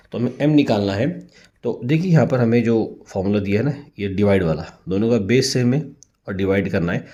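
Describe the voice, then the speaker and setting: A man with an Indian accent, a maths teacher working through exercise problems step by step. He repeats each step patiently and asks the students quick checking questions. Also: fairly low pitch, mellow.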